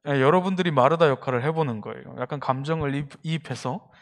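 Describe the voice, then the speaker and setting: A man's voice: mid-range voice, fast talker. A young man preaching a youth sermon in a church hall, engaging the congregation with questions. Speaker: youth pastor.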